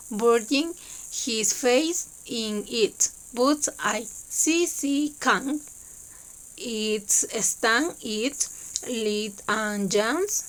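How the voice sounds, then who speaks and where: A woman whose first language is Spanish, reading a novel aloud in a halting, hesitant way with many fillers. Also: on the high side, a bit bright, poor audio. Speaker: reader.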